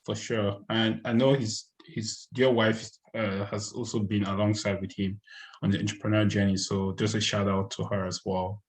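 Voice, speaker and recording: A male podcast host with a somewhat low voice opens the interview. He speaks in a friendly, hesitant way, often pausing on fillers. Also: little pitch movement, low-quality recording. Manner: warm, hesitant, many fillers. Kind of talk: casual interview.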